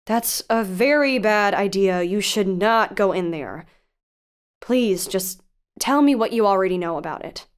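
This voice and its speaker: Here the actress's voice is mid-range, smooth and natural, animated yet measured in pace. She plays a protective investigative podcaster on the phone in an audio drama, pressing with firm, earnest, suspicious questions.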